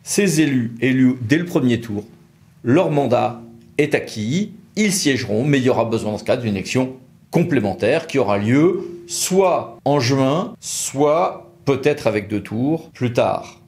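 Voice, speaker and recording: A little slow and expressive, a medium-pitched, slightly mellow male voice comes through with a little hiss or hum. The French-accented speaker presents a law firm's videos, offering an informal, didactic legal explainer built on questions he answers colloquially.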